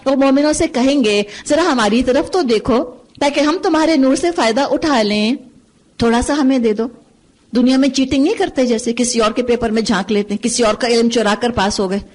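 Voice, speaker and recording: A woman giving a Quran commentary lecture, earnest and full of rhetorical questions, slipping English phrases into her speech. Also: a little high. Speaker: Quran teacher. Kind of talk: tafseer lecture.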